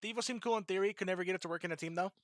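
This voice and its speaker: A man's voice: high voice, very fast, no room sound, studio quality. A man talking casually to his live stream chat while eating, laid-back and swearing now and then. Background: game music.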